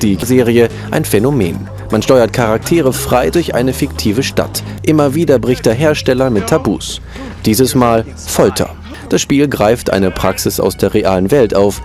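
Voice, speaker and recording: Male reporter voice-over, mid-pitched, scripted news narration with music underneath. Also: a little slow, darkish tone.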